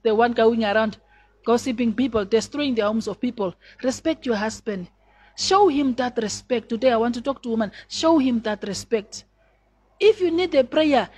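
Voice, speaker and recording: High-pitched woman pastor preaching fervently. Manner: preaching with strong rises and sudden drops in volume. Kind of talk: sermon.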